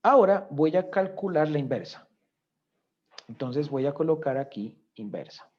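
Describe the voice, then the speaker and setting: This is a recorded economics lecture with a spreadsheet walkthrough, led by a man whose voice sits on the high side and has a sing-song lilt. He talks at an ordinary pace, and the audio is dull. He explains things one step at a time and keeps checking on his students.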